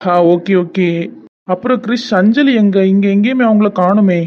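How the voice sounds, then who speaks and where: A polite young office team leader in a cartoon, voiced by a man, speaking with a Kanyakumari Tamil accent. His voice sits high for a man, and the recording is dull and lo-fi. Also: normal speed, natural voice. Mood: friendly. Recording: lo-fi dull audio.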